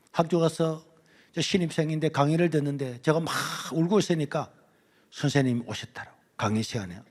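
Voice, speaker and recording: Emotional older pastor. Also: male voice, a little high. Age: 60s. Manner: emotional storytelling, swinging between hushed and loud. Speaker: guest pastor. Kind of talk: sermon with personal testimony.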